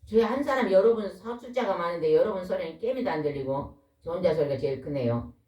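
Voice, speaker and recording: A woman preaching a lively, folksy sermon, a pastor's wife who keeps asking the congregation questions. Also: lowish voice, quick pace. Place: church hall. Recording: echoey hall, voice from far off.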